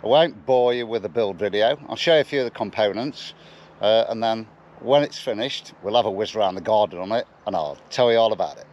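A Derbyshire man in his forties, with a broad East Midlands accent, presents a bike restoration on camera, chatting in a jokey, slangy way. He is mostly outdoors in a garden and partly in a wooden shed workshop. His voice is fairly low, darkish and a little fast, and the recording sounds muffled.

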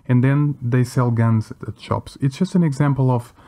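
A man's voice: medium pitch, steady tone, moderate pace, mellow. A man co-hosting a podcast, a non-native speaker whose first language is Portuguese, arguing his views in an opinionated, free-flowing way. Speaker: podcast co-host. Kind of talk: casual chat.

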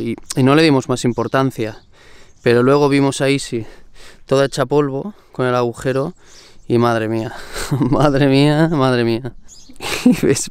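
Chatty young man, smooth voice. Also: medium pitch, no echo. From Spain. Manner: chatty, laughs often, slang-heavy. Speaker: vlogger. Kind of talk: casual vlog talk.

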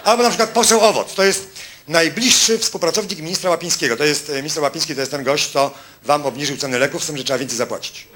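A male stand-up comedian on stage, delivering a mocking monologue with quick punchlines and asides to the audience. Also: on the high side, a bit bright, slight background noise. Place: stage before a live audience.

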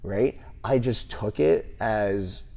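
A man in his thirties, a gym owner, answering interview questions with animated stories and lots of fillers, on a lapel mic in a large gym. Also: fairly low pitch, slow, gravelly. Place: large empty gym, indoors.

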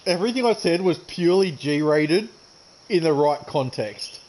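A man's voice: on the high side, animated, normal speed, darkish tone, slight background noise, poor audio. A man with a slightly raised voice chats loosely while playing a golf game. He jokes and laughs a lot, and faint crickets chirp in the background. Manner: joking, laughs often, talks with his mouth full. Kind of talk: casual gaming chat.

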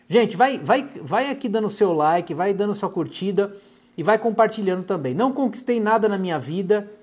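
A middle-aged man from Brazil with a Brazilian Portuguese accent, a clinical hypnotherapist chatting casually on a live stream and reading out viewer comments, affectionate and chatty, often dropping softly aside to someone off camera. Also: sits high, lively intonation, normal speed.

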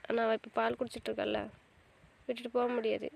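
A woman's voice: a little high, fast, vocal fry, noisy background. An actress playing a young wife and new mother, hurt and stubborn, speaking coldly in a melodramatic family drama. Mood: cold anger. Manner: cold, flat, stubborn. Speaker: actor in a web drama.

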